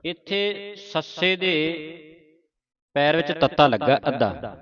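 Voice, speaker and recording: A man teaching children scripture pronunciation, patiently repeating each word slowly and loudly. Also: fairly high pitch, very animated, dull audio, a crowd in the background.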